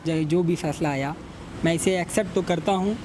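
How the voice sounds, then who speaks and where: A young man answering a street interview, earnest and measured, calling the reporter sir. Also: on the high side, background noise. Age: young adult.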